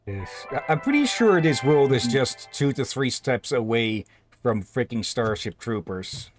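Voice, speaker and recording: A man hosting a let's play, giving casual commentary in a halting, rambling way. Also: medium pitch, expressive, faint music behind. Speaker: gaming video host.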